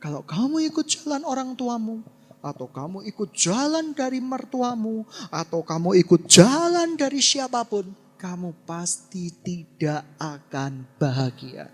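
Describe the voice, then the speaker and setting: A male pastor preaching a sermon. He swings between loud exclamations and quiet asides. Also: sits high, very animated, measured pace. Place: church hall. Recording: long church-hall reverb.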